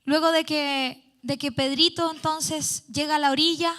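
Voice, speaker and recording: A woman's voice: high-pitched, steady tone, measured pace, fairly bright tone. A woman preaching a youth sermon in church, reading scripture aloud and explaining it earnestly. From Chile.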